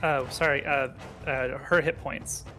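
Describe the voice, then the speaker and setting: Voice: medium pitch, fairly even intonation, unhurried, pushed and bright, faint music behind. A tabletop game player talking over an online voice call that keeps cutting in and out, speaking hesitantly with restarts. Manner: hesitant, hemming and hawing. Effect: online voice chat cutting in and out. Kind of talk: casual tabletop game chat. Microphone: online voice call mic.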